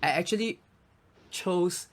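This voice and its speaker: A man's voice: high-pitched, slow pace. A man, a voice coach explaining speaking tips as a guest in a casual interview, often saying "you know".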